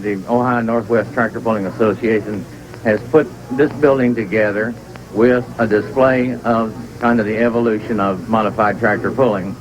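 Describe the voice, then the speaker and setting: A man with a fairly low voice gives an interview as a veteran tractor puller. He explains things step by step in plain words, over faint background noise. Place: inside a fairground museum building.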